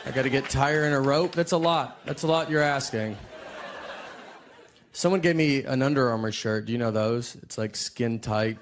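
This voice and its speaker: A man's voice: medium pitch, normal speed, a little hiss or hum. Laid-back man in his forties, stand-up. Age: 40s. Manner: laid-back, understated storytelling with many "like" fillers. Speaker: stand-up comedian. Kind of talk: stand-up routine.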